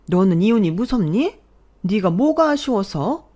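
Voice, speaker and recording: A domineering middle-aged mother-in-law, voiced by a woman, hurls loud accusations in this radio play. Her voice leaps around in pitch and keeps rising to a shrill edge. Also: animated, moderate pace, lightly acted. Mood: scolding. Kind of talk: Korean radio drama acting.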